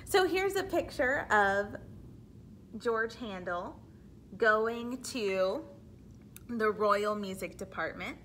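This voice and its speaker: Over slight background noise, a medium-pitched female voice reads a picture book in a teacherly way, slow and expressive, stopping now and then to explain things to the children.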